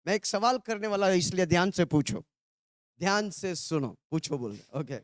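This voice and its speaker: A high-pitched man from India preaches with animation at a normal speed, leading his listeners in call and response. He keeps urging the congregation to shout phrases back and breaks into hallelujahs. The recording is close and dry, with no echo.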